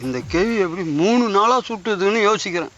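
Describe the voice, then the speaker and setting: High-voiced teasing man in a comedy sketch. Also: highs cut off. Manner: teasing, bantering, quick comebacks. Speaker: comedy sketch actor, father character. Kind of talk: Tamil village comedy sketch.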